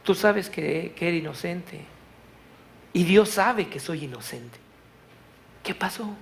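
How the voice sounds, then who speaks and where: A jailed young son pleads his innocence to his father, hushed and pleading, as a preacher acts him out. The voice stays fairly high and gravelly. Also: expressive, takes it slowly, a little hiss or hum, full character voice.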